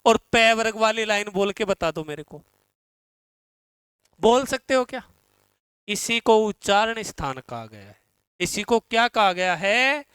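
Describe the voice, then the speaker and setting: A male Sanskrit teacher, drawing out syllables slowly as he asks his class questions and answers them himself. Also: sits high, pushed and bright, clear, resonant tone, no echo. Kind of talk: classroom lesson on pronunciation.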